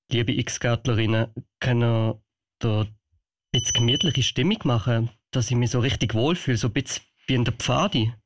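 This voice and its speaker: A man's voice: mid-range voice, no echo, clean studio sound, lightly acted. A man playing a jolly, kindly old Santa Claus in a radio play, telling stories heartily with a Swiss German accent. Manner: hearty, unhurried, chuckling storyteller.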